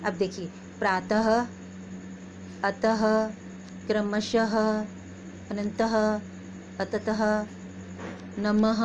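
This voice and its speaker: A woman teacher giving a recorded grammar lesson to young pupils, patiently asking questions and answering them herself. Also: mid-range voice. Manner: slow, patient, repeats questions and answers, calls pupils "beta". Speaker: school teacher. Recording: noisy background hiss.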